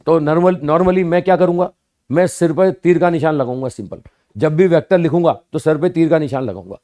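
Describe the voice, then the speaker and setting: A man teaching physics to students, explaining slowly and repeating points, often asking rhetorical questions and answering them himself. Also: on the high side, mellow. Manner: addresses students as "bhaiya" and "sahab". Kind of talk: classroom lecture.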